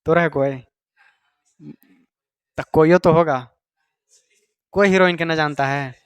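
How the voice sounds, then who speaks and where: A man's voice: fairly high pitch, slow, smooth, no room sound. A man with a Bihari Hindi accent teaching a class in a casual, chatty way, often quizzing his students. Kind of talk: classroom lecture.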